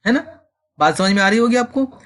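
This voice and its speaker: A man teaching a school lesson. He reads English lines slowly and then explains them. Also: extremely high pitch, lively intonation, a bit bright. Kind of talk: classroom lecture.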